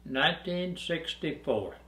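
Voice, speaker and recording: Older man with dry, unhurried humor. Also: fairly high pitch, expressive, a bit bright, reverberant, poor audio. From Arkansas, USA. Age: 80s. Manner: dry, unhurried storytelling with chuckles. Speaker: interviewee. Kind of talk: reminiscing interview. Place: dark studio backdrop, indoors.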